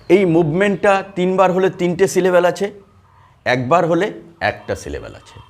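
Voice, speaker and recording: A man teaching English grammar in a classroom, explaining step by step with many fillers and questions to the students. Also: high voice. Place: classroom with a board.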